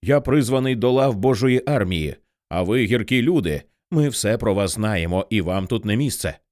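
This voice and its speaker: A man's voice: on the low side, expressive, moderate pace, darkish tone, no room sound, studio quality, natural voice. A man voicing a zealous, self-righteous male convert in an audiobook.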